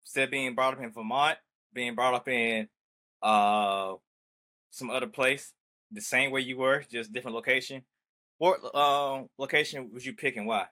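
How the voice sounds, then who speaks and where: A man hosts a casual comics podcast and asks loose, rambling questions. His voice is bright and forceful, recorded close with a completely dry sound. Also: mid-range voice, steady tone, moderate pace, no room sound. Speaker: podcast host. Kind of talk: casual interview.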